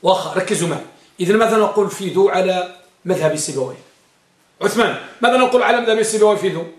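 A man speaking very fast in a high voice runs an Arabic grammar class in an echoey room. He quizzes students in a question-and-answer drill, stretching words out for emphasis.

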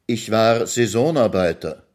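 A man's voice: on the low side, lively intonation, darkish tone. A man reading a ballad aloud and voicing a poor, hungry servant who pleads meekly for food. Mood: pleading. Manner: slow, plaintive pleading. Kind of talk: dramatic poem reading.

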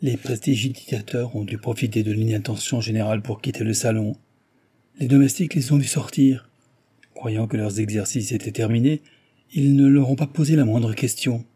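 A man voicing a composed, courteous aristocratic marquis in an audiobook, in a measured way. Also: medium pitch, fairly even intonation, mellow, breathy edge, natural voice. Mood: puzzled.

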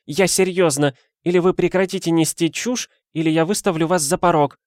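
A man voicing a haughty, sharp-tongued young married lady in an audiobook, with a scornful, imperious manner. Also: a little high, normal speed, no echo, studio quality, pitched above the performer's own voice, lightly acted. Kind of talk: audiobook character voice.

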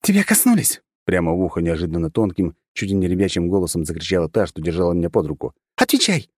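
A man voicing a harsh, bossy young woman fighter with a thin, almost childlike voice who yells orders and insults. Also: low-pitched, very animated, fast, no echo, clean studio sound. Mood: shouting, impatient.

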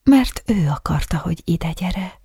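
Woman reading as a smug naked rival woman, young, whispered through the teeth, husky breathy tone, dry close sound, audiobook. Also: on the low side, expressive, warm tone, dry recording. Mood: scheming.

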